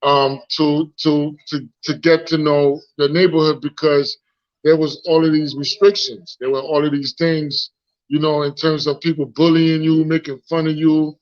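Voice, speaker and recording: A Haitian founder in his forties, speaking with a Haitian accent, talks frankly as a guest in a live interview, often repeating words while he searches for the right one. His voice is a little high and fairly flat, at a normal speed. The phone audio is lo-fi.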